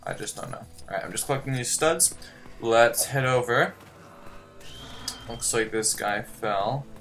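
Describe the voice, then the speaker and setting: A man's voice: medium pitch, a little slow, fairly bright tone. A man hosting a gaming video with casual, rambling commentary and joking asides. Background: game music.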